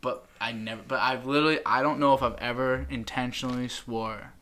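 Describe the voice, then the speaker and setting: A man's voice: medium pitch, steady tone, fairly bright tone. A young man hosting a podcast, rambling and joking in casual chat. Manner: rambling, joking, quick to laugh. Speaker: podcast host.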